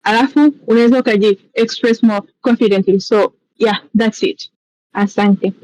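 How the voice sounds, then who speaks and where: A woman's voice: mid-range voice, fairly even intonation, normal speed, darkish tone, no echo, poor audio. A woman with a Tanzanian accent, a scholarship mentor giving encouraging seminar advice over a video call. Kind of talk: seminar talk mixing English and Swahili.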